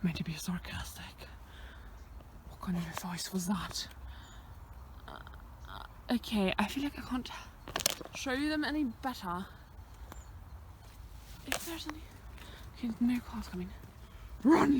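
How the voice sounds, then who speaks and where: In a mid-range, lively voice, a young woman talks to herself on a hike, keeping a measured pace and pausing often. Slightly out of breath, she rambles chattily and drops light swears as she walks a country road past a fenced field. The recording picks up background noise from passing cars.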